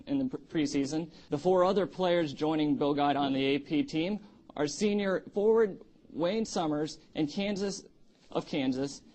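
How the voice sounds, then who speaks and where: A man reading sports news as an anchor, nervous and stumbling through the script with halting delivery. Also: fairly high pitch, a little mellow, rough recording.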